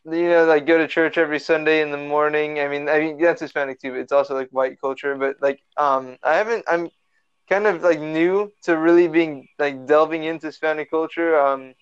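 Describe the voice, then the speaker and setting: A young man from the Los Angeles area, a podcast guest on a remote call, chats casually and rambles with lots of fillers and restarts. His voice is on the high side, steady, brisk, clear and resonant, though the online call audio is lo-fi.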